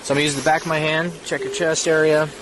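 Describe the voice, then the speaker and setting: A male police officer talks quickly and plainly, walking someone through roadside procedure in a matter-of-fact way. It is body cam audio, with vehicle and street noise clearly audible behind him. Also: fairly high pitch, little pitch movement. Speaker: police officer making a drunk-driving arrest. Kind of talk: procedural spoken instructions at a roadside stop. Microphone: body-worn camera microphone. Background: vehicle and ambient noise.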